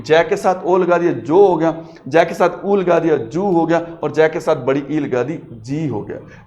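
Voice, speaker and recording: A man's voice: a little high, darkish tone. Man teaching a grammar class. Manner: explains patiently, often asks students questions and answers them himself.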